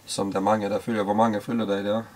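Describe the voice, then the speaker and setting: A middle-aged man from Denmark interviewing casually in a small boat cabin, halting and repeating words. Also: fairly low pitch, little pitch movement.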